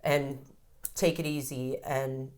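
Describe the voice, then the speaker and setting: Speaking slowly in a very deep voice, this thirtysomething codependency counselor is a guest in a casual interview. She's frank and lively, and curses now and then.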